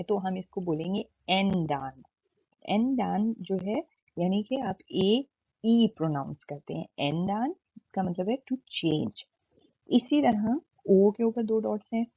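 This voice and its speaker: A woman's voice: fairly low pitch, breathy edge. A woman teaching a German lesson, explaining patiently step by step with frequent "um"s and mixing in English words. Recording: tinny phone-like sound.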